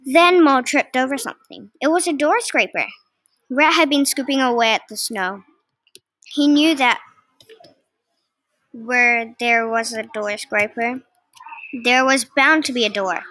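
A woman reading a children's storybook aloud, slow and careful. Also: on the high side, sharp tone, no echo. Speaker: narrator.

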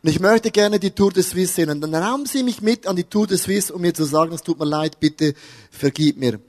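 Preacher, male, high voice, playful storyteller, live in a reverberant hall. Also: fairly quick, a little mellow. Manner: humorous, talks to the audience with questions. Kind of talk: lively sermon with stories. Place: church hall with audience.

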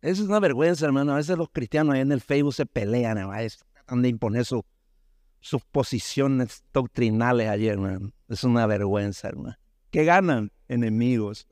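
A male pastor preaching a sermon, often calling his listeners "brother" and asking them "right?", his pitch swinging sharply up and down. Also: brisk, darkish tone, dry recording, studio quality. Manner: preaching with sudden rises and drops in pitch, many rhetorical tag questions.

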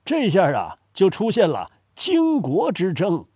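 An older man from Hubei explains dialects to a child as a grandfather in a scripted lesson. His voice is husky and sits high. He swings up and down in pitch with great animation. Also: a little slow, dry recording, clean studio sound. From Hubei, China. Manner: animated storytelling, chuckles often. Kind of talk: scripted educational dialogue.

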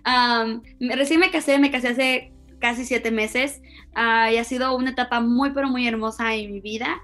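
A young woman from Ecuador in her twenties, a youth pastor, speaking warmly and earnestly as a podcast guest. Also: on the high side, fairly even intonation, moderate pace, soft background music. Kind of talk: interview conversation.

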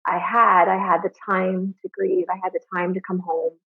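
A woman's voice: fairly low pitch, level tone, moderate pace, creaky, slightly rough. Woman on a tinny phone line. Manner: candid and reflective, with frequent fillers. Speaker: interview guest. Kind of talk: casual personal storytelling.

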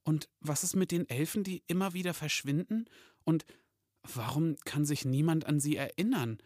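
A man's voice: fairly high pitch, moderate pace, a little mellow, no room sound, studio quality, voice pushed up, close to an everyday voice. A man voicing a timid young male Christmas elf who hesitates and stammers, reading a storybook aloud. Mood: earnest. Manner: hesitant, stammering, slightly raised voice.

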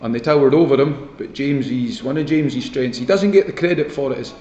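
A man's voice: medium pitch, quick pace, darkish tone. A Scottish man giving a post-match interview as a football manager, plain-spoken, emphatic and full of praise. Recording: muffled, echoey, faint background noise.

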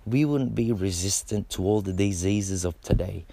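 A man's voice: sits low, normal speed, creaky, warm tone, no echo. A middle-aged man who breakdances, talking to camera in a laid-back, rambling way, swearing freely and repeating words. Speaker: b-boy. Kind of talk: casual monologue to camera.

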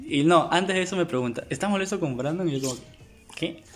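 A man's voice: fairly high pitch, fast talker, faint music behind. A young man telling an anecdote in casual chat, acting out the lines people said to him.

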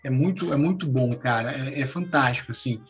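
A man's voice: mid-range voice, fairly quick, soft background music. A Brazilian man in a casual film debate, arguing a playful contrarian side with loose, chatty hedging. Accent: Brazilian Portuguese.

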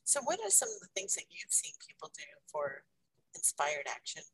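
Low husky lady host, lots of ums, kinda hesitant. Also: wildly swooping pitch, moderate pace, fairly bright tone, poor audio. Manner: hesitant, many fillers. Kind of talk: casual interview talk.

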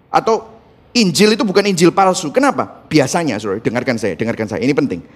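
Male pastor, high-pitched, fervent sermon delivery, speaks straight to the congregation, mixes in English. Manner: emphatic, impassioned preaching that addresses the congregation directly; mixes English words into his speech.

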